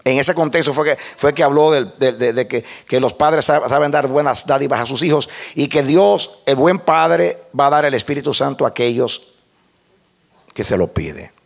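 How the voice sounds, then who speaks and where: A man preaching a sermon to a congregation. He repeats and restarts words as he builds a point, asks his listeners questions, and swings from hushed lines to near-shouted ones. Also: medium pitch, moderate pace, vocal fry.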